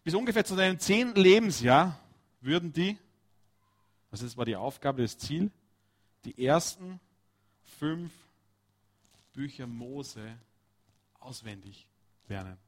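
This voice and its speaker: A man preaching a lively, chatty sermon, his voice sitting a little above the usual male pitch. He talks straight to his listeners, breaking off for quick asides and questions.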